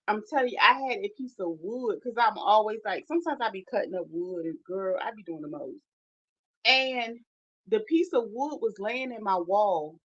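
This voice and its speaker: Lady gossiping a story, fired up n cussing, kinda muffled audio. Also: on the high side. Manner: animated, emphatic, swears freely. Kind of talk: casual storytelling chat. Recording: dull lo-fi sound.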